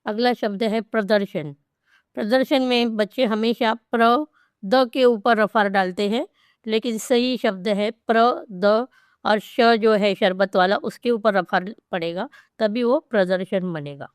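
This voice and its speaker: A woman teaching a spelling lesson, spelling out each word slowly and carefully, part by part. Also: mid-range voice, smooth, no echo, clean studio sound. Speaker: Hindi teacher.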